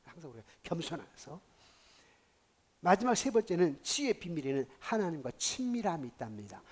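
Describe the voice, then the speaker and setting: A male pastor preaching a sermon, telling a story with dramatic swings from hushed tones to loud outbursts. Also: on the high side, sing-song, fairly quick, breathy edge.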